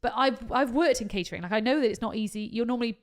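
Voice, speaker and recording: Chatty woman, fairly high. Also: fast. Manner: chatty, swearing, laughing storyteller. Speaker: podcast co-host. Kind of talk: casual chat.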